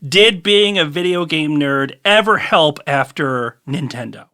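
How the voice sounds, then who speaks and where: Bright-voiced enthusiastic male host. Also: on the high side, lively intonation, a little slow. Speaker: podcast host. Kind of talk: interview host.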